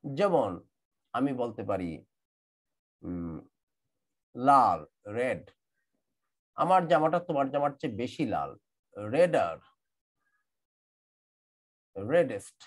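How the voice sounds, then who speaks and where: A man from Bangladesh with a Bangladeshi accent teaching English grammar in an online class, explaining rules slowly and repeating and spelling out words. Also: medium pitch, very animated. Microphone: computer mic in an online class.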